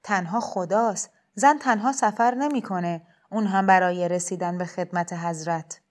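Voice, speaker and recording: A woman voicing a gentle, persuasive male shrine cleric in a storybook reading, speaking in a heavy, soft, kindly insistent way. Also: on the low side, close to an everyday voice. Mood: coaxing.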